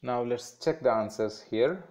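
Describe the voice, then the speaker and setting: A man teaching a children's lesson, slowly sounding out words one by one to show their syllables. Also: medium pitch, darkish tone. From India. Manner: very slow, stretching out each word to model syllables.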